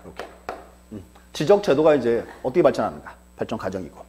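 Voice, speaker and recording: A man's voice: medium pitch, big pitch swings, fast, warm tone, a little hiss or hum. A male lecturer teaching an exam-prep class, asking rhetorical questions and answering them himself, repeating key terms for emphasis.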